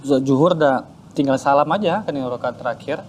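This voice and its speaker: A man telling his personal conversion story in a casual interview, animated and acting out his parents' voices. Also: mid-range voice, a little fast, slight background noise. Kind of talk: casual spoken testimony.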